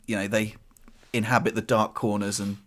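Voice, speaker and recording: A man co-hosting a podcast, chatting casually and telling lively stories full of acted-out quotes. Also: fairly low pitch, moderate pace. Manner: animated storyteller who acts out quotes. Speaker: podcast co-host. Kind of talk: casual chat.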